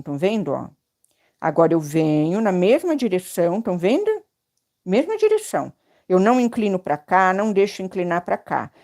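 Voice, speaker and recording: A woman's voice: medium pitch, darkish tone. A woman teaching hand embroidery on a live stream, chatty and affectionate. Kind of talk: live-streamed craft lesson.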